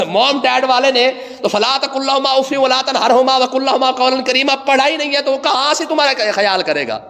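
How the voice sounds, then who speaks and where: A man with touches, giving an emphatic Quran commentary lesson. His tone is bright and forceful, and he keeps asking his listeners rhetorical questions. His voice carries a long hall reverb. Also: high-pitched. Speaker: Quran teacher, mufti.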